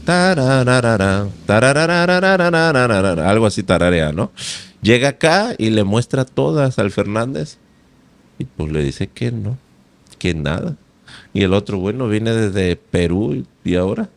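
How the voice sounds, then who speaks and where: His fairly low, creaky voice is animated yet unhurried as he hosts a casual podcast interview. The man rambles through chatty anecdotes, frequently ending his sentences with tag questions.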